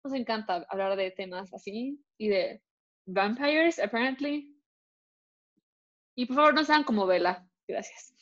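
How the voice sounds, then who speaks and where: A woman's voice: a little high, a little slow. A young woman co-hosting a podcast in casual chat, freely mixing in English words. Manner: chatty, mixes Spanish and English. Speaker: podcast co-host. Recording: dull lo-fi recording.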